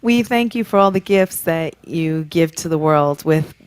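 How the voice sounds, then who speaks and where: A woman hosting a live radio health show, effusive and quick to laugh. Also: low voice, animated, clear, resonant tone. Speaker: host.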